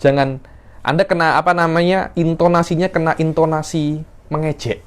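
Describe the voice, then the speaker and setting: A man teaching a class on Quran recitation, jumping up in pitch as he demonstrates intonation. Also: moderate pace, clean tone. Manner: animated, acts out verse intonation with sudden pitch leaps. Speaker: religious teacher.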